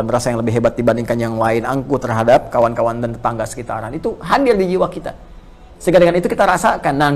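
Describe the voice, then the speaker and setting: A male preacher talks quickly in a gravelly voice. His teaching rises loud and emphatic, then sinks into hushed, prayerful recitation. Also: mid-range voice. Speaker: Islamic preacher. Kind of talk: sermon answering a question.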